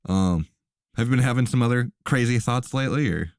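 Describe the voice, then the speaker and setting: A man's voice: medium pitch, lively intonation, a little fast, no echo, clean studio sound. A young man hosting a casual podcast chat, laid-back and full of fillers. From Minnesota, USA. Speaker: host.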